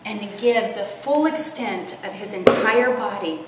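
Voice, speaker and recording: A woman in her forties, a loud, animated speaker, telling a personal story at a church women's conference. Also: mid-range voice, unhurried. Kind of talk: storytelling sermon. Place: large hall at a church retreat. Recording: echoey hall, faint noise.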